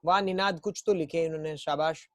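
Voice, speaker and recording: A man's voice: a little high, steady tone, dry recording. Man teaching an online class, dry sound. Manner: repetitive, coaxing, chants memory rhymes slowly. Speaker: school chemistry teacher.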